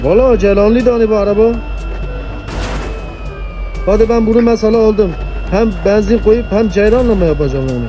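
A man's voice: high voice, a little fast, pauses often, dark tone, faint music behind. A man chatting casually with friends over a headset while gaming, joking and teasing. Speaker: streamer.

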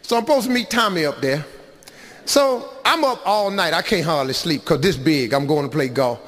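A middle-aged man doing stand-up comedy, telling a story in an animated, loud, rambling way. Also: a little high, normal speed, big-room sound. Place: comedy club stage.

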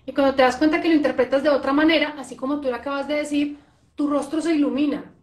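A woman who hosts a conversational interview and talks in an animated, expressive way, often repeating phrases for emphasis. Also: sits high, fast. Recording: echoey room.

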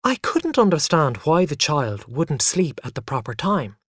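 Storybook narrator for learners, dry close sound, wide pitch swings. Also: sing-song, unhurried, fairly bright tone, husky, no room sound. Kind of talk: first-person story narration for English learners.

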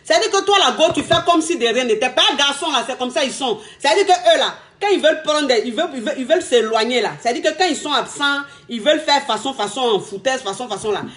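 A woman's voice: sits high, fast talker, hardly any pauses. A woman, giving emphatic, casual relationship advice as a coach. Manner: lively, emphatic, repetitive, laughing often.

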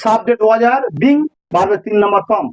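A Bengali man with a high-pitched voice teaches English grammar informally, explaining with examples. He talks a little fast and in a didactic manner, repeating phrases for emphasis.

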